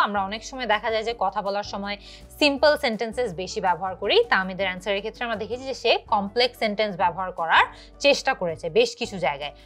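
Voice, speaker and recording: A woman's voice: fairly high pitch, fairly bright tone. A young woman from Bangladesh teaching an exam prep lesson, explaining step by step and mixing English terms into her Bengali.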